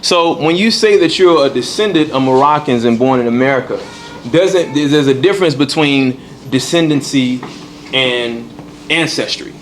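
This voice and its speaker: A religious teacher gives a temple lesson to a congregation in a temple hall, using call-and-response and repeating points with "all right." His voice is medium-pitched at normal speed, with a little hiss or hum in the recording.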